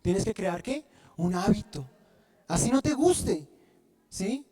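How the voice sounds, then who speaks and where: A man preaching a sermon, often pausing to have the congregation fill in the word, and restarting phrases as he goes. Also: high voice, sing-song, warm tone, slightly rough. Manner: asks the congregation to fill in words. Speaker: pastor.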